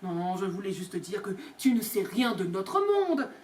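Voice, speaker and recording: A gruff giant groundskeeper with booming, indignant outbursts, as a woman storyteller puts him on. The voice swoops high and low, and it is picked up from across the room over faint background noise. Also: big pitch swings, moderate pace, recorded from a distance, lightly acted.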